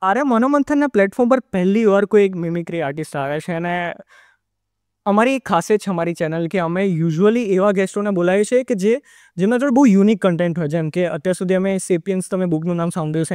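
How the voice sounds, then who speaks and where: Podcast host guy, pretty high voice, crisp and dry, asks stuff and mixes in english. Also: quick pace, a little mellow, no room sound. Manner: asks open questions, mixes in English phrases. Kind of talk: casual interview hosting.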